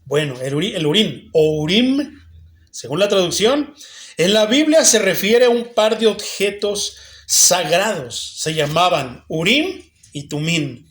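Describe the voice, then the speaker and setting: A man's voice: high-pitched, very animated, unhurried, a bit bright, reverberant. A man preaching a sermon as pastor, asking rhetorical questions and calling out to his listeners as brother. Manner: conversational preaching, rhetorical questions, often addresses "hermano".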